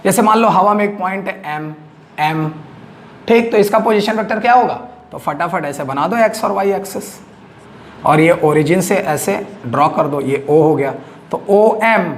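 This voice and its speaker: Male teacher at a classroom board; patient, dictates definitions slowly and keeps checking that students follow. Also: high voice, a little hiss or hum. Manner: explains slowly, asks checking questions, dictates definitions word by word. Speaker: physics teacher. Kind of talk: classroom lecture at a whiteboard.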